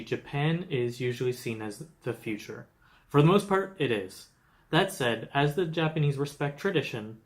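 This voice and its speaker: A young man from Canada narrating a scripted travel vlog, explaining things steadily with light humor. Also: mid-range voice. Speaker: travel vlogger.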